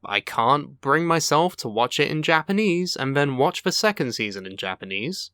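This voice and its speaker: A man's voice: a little high, very animated, moderate pace, a bit bright, smooth, dry recording, clean studio sound. A man co-hosting a podcast, bantering casually with sarcastic, mock-dramatic rants and plenty of swearing. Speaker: podcast co-host.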